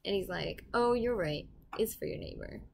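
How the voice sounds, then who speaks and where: Animated young woman telling a story. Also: medium pitch, normal speed, vocal fry, slight background noise. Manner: animated, swings loud and quiet, swears casually. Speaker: property manager telling a story. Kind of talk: casual storytime vlog.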